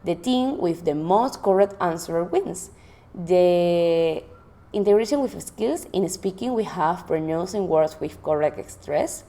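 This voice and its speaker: A woman teacher with a fairly low, warm voice and lively intonation presents a lesson plan slowly, reading classroom activities from her notes. She frequently stops to restart and correct herself.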